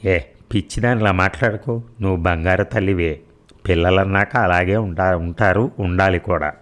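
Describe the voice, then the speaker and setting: A fussing, loving middle-aged mother voiced by a male narrator reading a story aloud, scolding her grown daughter fondly. The voice stays deep and low throughout. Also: normal speed, close to an everyday voice.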